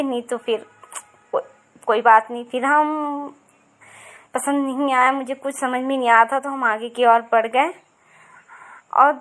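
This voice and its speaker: Woman, thirties, high voice, casual vlog narration, rambling, chatty. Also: fairly bright tone. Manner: chatty, rambling, repeats herself with many fillers. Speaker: vlogger.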